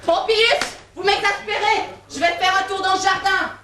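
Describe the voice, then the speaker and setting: A woman's voice: extremely high pitch, steady tone, normal speed. A woman playing a weary, bitter old wife with a resigned, sarcastic way of talking, in an amateur stage comedy. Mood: exasperated. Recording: echoey stage from far off, noisy.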